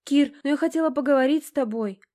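A woman puts on a young woman at the end of her rope, pitched well above the reader's own voice and loud. She whines, sobs and snaps in turn, shrill and quick to flare up, as an audiobook character. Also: natural voice. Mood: pleading. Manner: shrill, sobbing, exclaiming. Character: distraught young woman, tearful and snappish. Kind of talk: audiobook dialogue.

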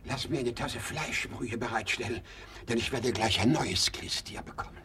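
In a German comedy radio play, a male actor portrays a creaky, fussy, old-fashioned miser and hypochondriac, querulous and full of self-pity. His medium-pitched voice moves at normal speed with a sharp edge, shifting between theatrical muttering, wailing and scolding, here in a calmer yet demanding mood. There's a little hiss or hum on the recording.

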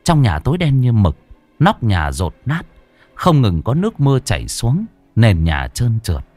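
A man tells a horror story with dramatic, expressive narration. His pitch sits in the middle range and rises and falls a great deal. Soft music plays beneath his voice. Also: normal speed, no room sound.

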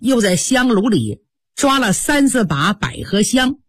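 A woman's voice: on the high side, sing-song, measured pace, slightly rough, no room sound. A woman telling a traditional story vividly, with sound effects, in a broadcast. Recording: dry studio broadcast.

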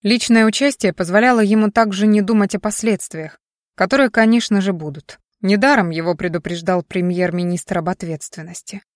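A woman reading a science fiction novel as scripted audiobook narration, measured and even, dropping low and quiet at the ends of sentences. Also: no echo, clean studio sound.

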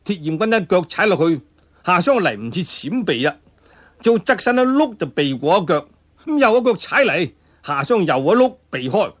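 A man with a Cantonese accent tells a martial-arts tale in the dramatic, colloquial style of traditional storytelling, adding spoken sound effects and interjections. His voice is high-pitched, a bit bright and very animated, moving at a moderate pace.

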